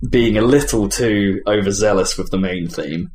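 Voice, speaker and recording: On his podcast, a man talks loosely about video games, often hedging in a conversational way. He has a low-leaning, slightly mellow voice at a normal speed. Background noise comes through clearly, along with a roomy echo.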